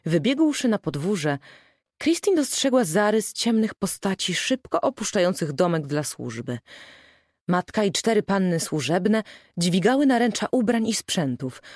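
A woman with a low, lively voice narrates a story as an audiobook, reading in an expressive way. The recording is close and dry, with no room sound. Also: no echo.

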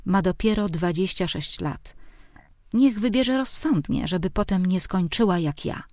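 A woman's voice: lowish voice, expressive, a little slow, a little mellow, dry recording, studio quality. A woman voicing a smug, blunt adult brother in an audiobook. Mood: curt. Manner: curt, smug.

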